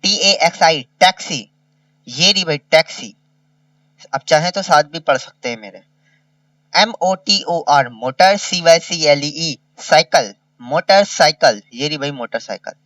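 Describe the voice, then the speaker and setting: A man's voice: fairly high pitch, sharp tone, no room sound, far from the mic. A man teaching a kindergarten revision lesson. He spells each word letter by letter and repeats it. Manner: slow, spells words letter by letter and repeats them.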